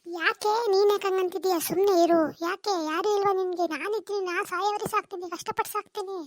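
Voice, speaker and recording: A woman's voice: very high voice, steady tone, fairly quick, no room sound, studio quality. A woman voicing a defiant older mother in a cartoon drama, with a North Karnataka Kannada accent, scolding her son and his wife. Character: older mother, proud and protective of her daughter.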